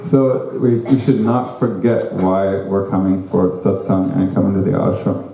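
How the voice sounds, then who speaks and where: A man gives a relaxed spiritual talk in an ashram hall, telling anecdotes with a joking, conversational touch. His voice is very dark and mellow. The hall is roomy and echoey around him. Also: low voice, measured pace, gravelly. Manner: conversational, joking, tells anecdotes with acted quotes.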